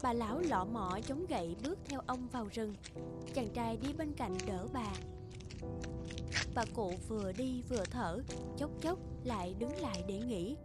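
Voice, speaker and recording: A woman narrating a fairy-tale cartoon in a gentle, even storytelling delivery. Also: fairly high pitch, unhurried. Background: loud background music.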